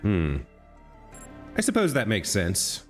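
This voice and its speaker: Animated, lowish-voiced man playing a game. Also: slow, soft background music. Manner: musing, thinking aloud. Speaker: gamer commentator. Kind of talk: casual let's play commentary.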